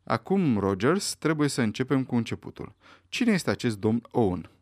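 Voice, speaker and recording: A man reading aloud, voicing a stern, authoritative elderly judge with a dry, measured, commanding manner. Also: mid-range voice, big pitch swings, a little mellow, no echo.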